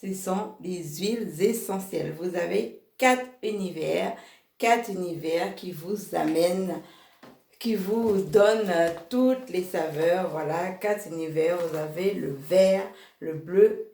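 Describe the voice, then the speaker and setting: A woman presenting a product range in a casual video, hesitant, full of fillers and restarts, and quick to laugh at herself. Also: fairly low pitch, vocal fry, dark tone. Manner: slow, halting delivery. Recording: echoey room.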